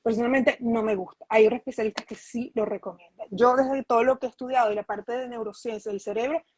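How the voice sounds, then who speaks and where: A woman's voice: on the high side, steady tone, quick pace, darkish tone, a little hiss or hum, rough recording. A woman speaking earnestly in a conversational interview, explaining her views with rhetorical questions and frequent restarts.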